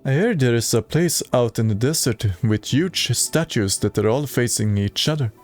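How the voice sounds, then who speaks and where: A man's voice: mid-range voice, animated, normal speed, darkish tone. Man reading game dialogue over music. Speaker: game streamer.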